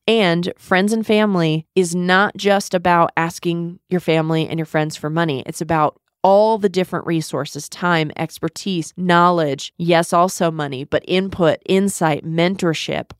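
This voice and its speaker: A woman with a slightly low, stuffy-sounding voice talks through a solo podcast episode. She is earnest and encouraging in a relaxed, conversational way. The sound is dry and close. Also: no echo. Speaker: podcast host.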